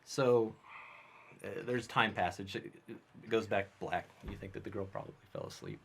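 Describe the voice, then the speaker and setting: Brief: lower-voiced male guest, lively casual storyteller. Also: normal speed, gravelly, a little hiss or hum. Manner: animated, vivid storyteller. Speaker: guest, special effects artist and filmmaker.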